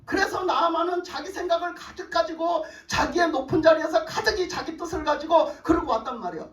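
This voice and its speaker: A woman's voice: very high-pitched, fairly quick, soft background music. Emphatic woman pastor preaching. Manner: emphatic, prods the room with rhetorical questions. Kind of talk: sermon. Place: church sanctuary. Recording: echoey church, distant mic.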